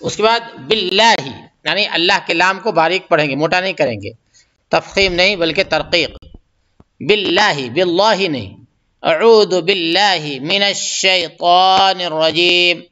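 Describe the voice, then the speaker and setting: Bright-voiced man teaching Quran pronunciation. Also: high-pitched, animated. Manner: explains slowly, repeats sounds to correct pronunciation. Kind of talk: tajweed lesson with recitation examples. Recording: muffled lo-fi audio.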